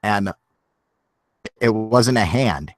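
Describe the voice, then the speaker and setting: A man's voice: lowish voice, lively intonation, very slow, no room sound. A man telling a story in a casual, rambling way, full of fillers and frequent laughs.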